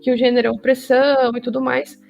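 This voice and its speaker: High-voiced Brazilian woman with creaky edges. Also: flat delivery, fast talker, a little mellow, soft background music. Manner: emphatic, repetitive, slangy. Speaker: interview guest. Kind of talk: casual opinionated conversation.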